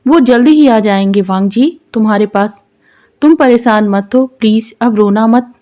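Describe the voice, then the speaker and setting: Woman reads a gentle young man, coaxing, fussing; storybook, light pitch. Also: normal speed, muffled recording, natural voice. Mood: soothing.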